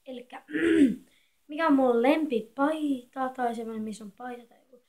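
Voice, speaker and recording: A thirteen-year-old girl chatting quietly and rambling in a casual home vlog, filmed on a phone in an echoey bedroom. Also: high-pitched. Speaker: vlogger. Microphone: phone camera.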